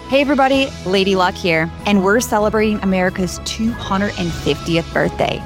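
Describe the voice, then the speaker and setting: A woman's voice: brisk, loud music behind the voice. Woman doing an upbeat ad read. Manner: enthusiastic sales pitch. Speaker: ad presenter.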